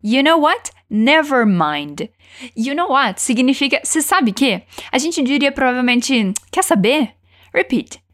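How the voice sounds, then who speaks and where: A woman teaching English, encouraging learners and slowing down to model each phrase for them to repeat. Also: sits high, very animated, a bit bright. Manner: encouraging, slows down to model pronunciation. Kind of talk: language lesson with repeat-after-me drills.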